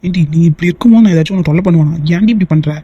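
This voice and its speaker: Cartoon young man, teasing and scolding, rapid-fire talk, dull lo-fi sound, as a voice actor plays him. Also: mid-range voice, mellow, slightly rough, natural voice. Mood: exasperated. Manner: fast, bickering, scolding banter. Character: young man Vikram, teasing and easily annoyed. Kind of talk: cartoon voice dub.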